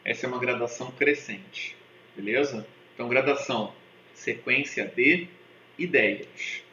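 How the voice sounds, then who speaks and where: A man with a Brazilian Portuguese accent teaching an exam-prep lesson in a casual, lively way, often checking that students follow. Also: mid-range voice, a little slow, reverberant, dull audio, a little hiss or hum.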